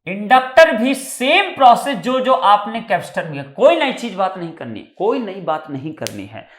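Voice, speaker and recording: A man's voice: high voice, fairly bright tone. An Indian-accented man teaching a live online class, with a voice that climbs and dips as he explains. He repeats his key points and keeps checking whether his students are following. The sound is roomy, with a noticeable echo. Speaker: online exam-prep teacher.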